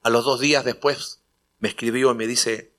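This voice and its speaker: Male preacher, bright tone, mid pitch; storytelling sermon that builds to emphatic points. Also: steady tone, normal speed. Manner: conversational storytelling, acting out dialogue, rising to emphatic preaching. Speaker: pastor. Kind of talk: sermon with personal anecdote.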